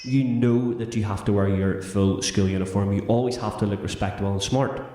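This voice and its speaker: A man hosting a school podcast in a scripted comedy sketch, with a brisk, teasing, chatty manner. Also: fairly low pitch, steady tone, heavy reverb, over loud music. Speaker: teacher and podcast host.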